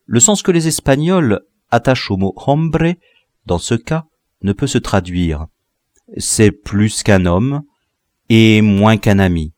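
A man reading a classic novel aloud as an audiobook narrator, in a measured, expressive way. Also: on the low side, no echo, studio quality. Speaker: audiobook reader.

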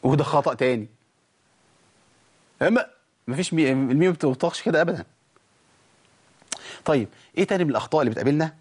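A man with an Egyptian accent teaching tajweed on a TV show, lively, talking straight to the viewers and drawing out sounds slowly to demonstrate them. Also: on the high side, husky. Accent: Egyptian Arabic. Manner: lively explaining, addresses the audience directly. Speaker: Quran recitation teacher.

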